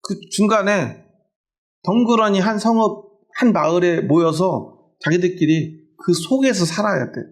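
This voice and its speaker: A man's voice: sits high, animated, a little slow. A middle-aged male pastor preaching a sermon in a conversational way, often asking the congregation questions.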